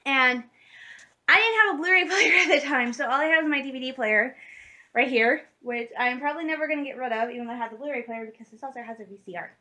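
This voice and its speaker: This woman's bright voice sits high and comes out fast and pushed. A vlogger in her late twenties, she talks casually to the camera from her room at home, giggling, rambling, and leaning on fillers.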